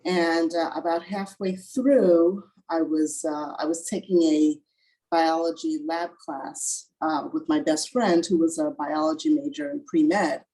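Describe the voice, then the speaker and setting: Woman, middle-aged, low pitch, mellow tone, relaxed with many pauses. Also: poor audio. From born in Guyana, grew up in Brooklyn. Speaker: physician guest. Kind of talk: casual interview answers.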